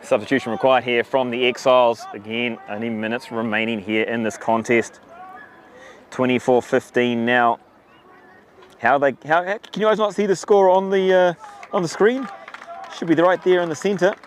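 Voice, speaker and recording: A man giving live rugby commentary outdoors, chatty and excitable, greeting viewers between plays. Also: mid-range voice, moderate pace, a little hiss or hum. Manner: chatty, excitable, gives shout-outs to viewers. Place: outdoors at a sunny rugby ground.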